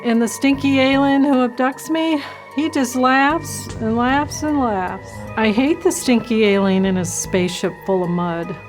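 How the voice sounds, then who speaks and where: Higher-voiced woman, slow and grumbling, faint music in back. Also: poor audio. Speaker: interviewee. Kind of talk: mock testimonial.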